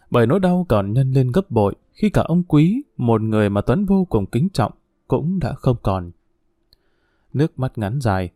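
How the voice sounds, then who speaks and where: A man narrating a story in an audiobook, steady and even. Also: medium pitch, no room sound, studio quality.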